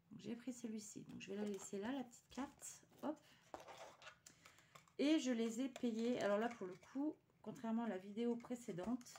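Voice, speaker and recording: A woman talks casually through an unboxing of her craft purchases, her voice mellow and warm. She hesitates often, fills pauses, and drops into soft muttering while handling the items. Faint background noise and small clicks can be heard. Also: medium pitch. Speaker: craft channel host.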